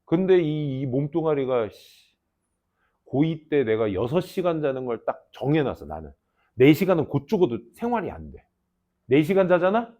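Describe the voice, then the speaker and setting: A young adult man teaching an English class, lecturing students in a casual, teasing way with lively asides. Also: a little high, moderate pace. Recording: dull lo-fi lecture recording.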